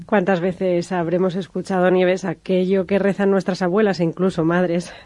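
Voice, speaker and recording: Female co-host, lowish warm voice, dry studio mic, measured delivery. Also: flat delivery, no echo. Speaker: radio co-host. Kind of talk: radio interview. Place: radio studio.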